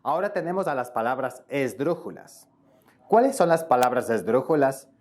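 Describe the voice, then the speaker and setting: A man from Ecuador hosts a spelling video lesson, his voice sitting at an ordinary middle pitch. He walks through each rule example by example. He keeps checking in with his viewers as he goes. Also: very animated, normal speed, a little mellow. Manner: explains step by step, often checks in with viewers. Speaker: spelling tutor.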